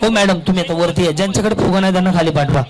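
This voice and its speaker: High-voiced playful man emceeing a game. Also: rapid-fire, poor audio. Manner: playful, teasing, repeats instructions. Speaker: event host running a balloon game. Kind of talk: lively crowd emcee patter. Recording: music loud behind PA voice.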